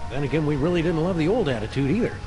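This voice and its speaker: A man's voice: fairly high pitch, racing, close to an everyday voice, low-quality recording. Guy voicing a wry cartoon dog detective, wordy, bouncy intonation, light music. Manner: wry, verbose, deadpan. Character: folksy deadpan dog detective, wordy and unflappable. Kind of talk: cartoon game dialogue.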